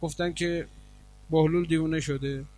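Man, preacher, sermon, lively storytelling, calm explanations, slightly high pitch. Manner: animated storytelling that turns into calm, explanatory question answering. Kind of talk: sermon with storytelling and answers to religious questions.

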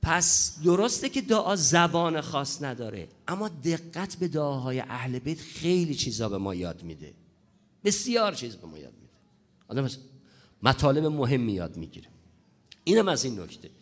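A man preaching a religious lecture on prayer, hoarse from a cold, emphatic and repeating his key points. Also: medium pitch, sing-song.

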